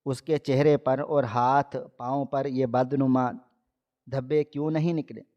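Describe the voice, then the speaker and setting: A man's voice: medium pitch, fairly even intonation, dark tone, close to an everyday voice. A man voicing a harsh mother who scolds and dismisses her daughter, read in his own plain voice. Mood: scolding. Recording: dull lo-fi audio.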